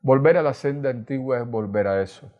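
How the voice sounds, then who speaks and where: The recording is muffled as a Colombian pastor with a Caribbean Spanish accent delivers a brisk sermon in a medium-pitched voice. He retells scripture earnestly, punctuating it with tag questions.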